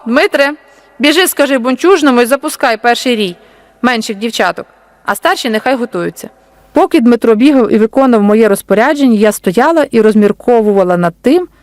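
A woman author reading her storybook aloud in a gentle, unhurried way. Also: mid-range voice, dry recording, clean studio sound. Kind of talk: storybook narration.

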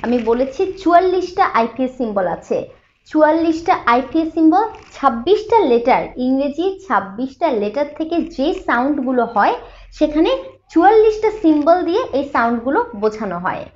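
A woman teaching a spoken English lesson, patiently repeating each sound slowly for her students. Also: high voice, expressive, darkish tone. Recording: slightly dull lo-fi sound.

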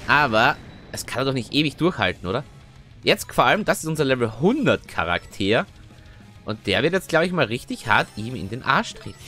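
A young man giving chatty, excitable let's play commentary, often tagging his sentences with little questions. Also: mid-range voice. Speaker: gaming video host. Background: faint game music.

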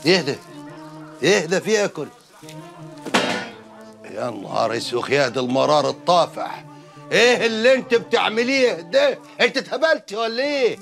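A man's voice: sits high, lively intonation, normal speed, creaky, pauses often, music in the background. An actor playing an uncle who scolds and soothes his angry niece. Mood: placating. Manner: placating, scolding. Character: gruff uncle trying to calm his niece.

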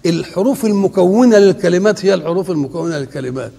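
A man's voice: sits high, expressive, very fast, gravelly, mellow. A man with an Egyptian Arabic accent giving a religious lecture on Quran commentary, often asking his listeners rhetorical questions for them to complete. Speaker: Quran teacher. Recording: long hall reverb.

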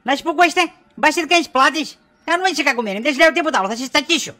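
A woman's voice: high-pitched, pushed and bright. A woman playing a nosy middle-aged wife in a comedy sketch, pushy and prying for gossip.

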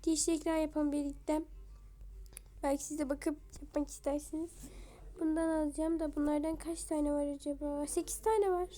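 Woman gaming creator, high and mellow, chatty gameplay commentary, mutters while building. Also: flat delivery, normal speed. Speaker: game video creator.

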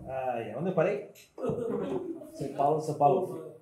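A man's voice: a little high, unhurried. A man from Paraná with a Paraná accent, doing a stand-up set with brash, teasing crowd work on a comedy club stage. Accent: Paraná Brazilian Portuguese. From Paraná, Brazil. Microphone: handheld stage mic. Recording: echoey club with loud audience laughter.

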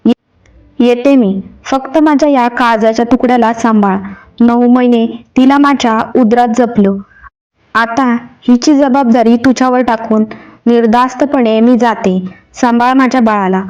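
A woman voicing a dying young mother who speaks softly and tenderly, in a storybook reading. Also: a little high, fairly even intonation, moderate pace, lo-fi sound, close to an everyday voice. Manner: soft and tender.

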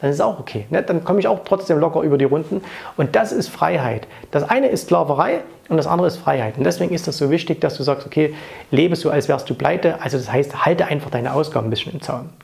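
A finance coach and channel host in his thirties gives blunt, opinionated money advice straight to camera, indoors in an office with framed pictures. On a lapel mic, his slightly high, darkish voice is expressive and quick, with vocal fry. It's casual advice talk full of fillers and tag questions.

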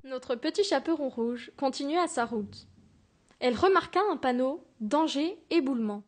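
Young female narrator for a class storybook, high pitch, steady reading. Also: moderate pace.

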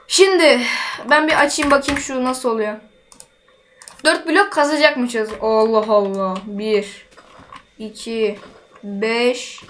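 Woman, high voice, casual gameplay commentary, thinks aloud, quick exclamations, faint background hiss. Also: a bit bright. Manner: chatty, talks to herself while playing, quick exclamations. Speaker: gaming channel host.

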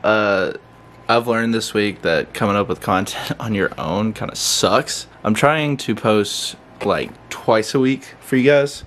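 Young male vlogger, winded from a hike, talks low and loose over loud background noise. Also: a little slow. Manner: breathless, laid-back and rambling. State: out of breath. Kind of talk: casual vlog talk to camera. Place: outdoors on a hiking trail.

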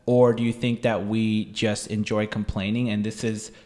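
A man's voice: lowish voice, flat delivery, normal speed, darkish tone. A man in his thirties with a Toronto accent, bantering as a podcast co-host in a slangy, teasing way. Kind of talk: casual banter. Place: small indoor podcast studio. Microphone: close podcast microphone on stand.

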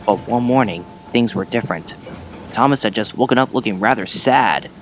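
A man telling a storybook tale in a gentle, even narration. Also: fairly low pitch, normal speed. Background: loud music.

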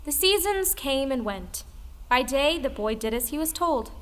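This is scripted, dramatic folktale narration from an audio play, with an actress in the role of a female storyteller recounting an old tale. She sounds high-pitched and animated and moves at a moderate pace. Music runs behind her voice, and the mood is storytelling.

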